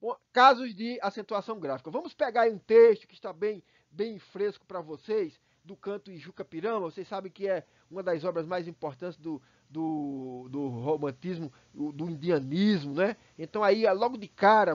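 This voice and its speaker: A man's voice: high voice, no room sound. A male teacher with a Brazilian Portuguese accent explaining a grammar point, often checking in with his students and repeating words while he thinks. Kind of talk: recorded online class. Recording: dry, dull lo-fi recording.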